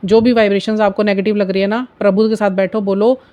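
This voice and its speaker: A woman's voice: mid-range voice, little pitch movement, fast talker, dark tone. A middle-aged woman tells devotional stories of her faith to viewers, earnestly slipping English words into her Hindi. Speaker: spiritual storyteller.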